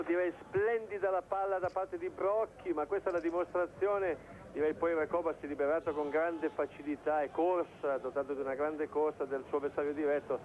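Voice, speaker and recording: Fairly high-voiced male football analyst. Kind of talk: live analytical football commentary. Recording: dull lo-fi broadcast, faint stadium noise. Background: stadium crowd noise.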